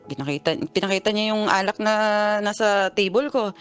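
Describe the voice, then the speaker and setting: A woman in her thirties from the Philippines, calling in to a radio show and telling her story with lively acted-out dialogue. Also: mid-range voice, normal speed, clean tone, soft background music. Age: 30s. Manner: animated storytelling, acting out both sides of an argument. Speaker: caller. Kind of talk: phone-in confession.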